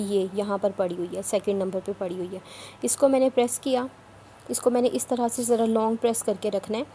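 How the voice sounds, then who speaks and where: A woman's voice: a little high, mellow, a little hiss or hum. A woman explaining step by step how to record and share audio files in a tutorial, repeating herself and sometimes scolding. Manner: repetitive, instructive, a bit scolding. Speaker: online work trainer.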